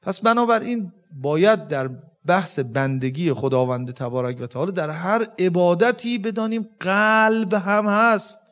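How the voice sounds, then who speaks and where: A man's voice: high voice, fairly bright tone. A man giving a religious lecture, explaining step by step, quoting Arabic verses and asking rhetorical questions. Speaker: religious teacher.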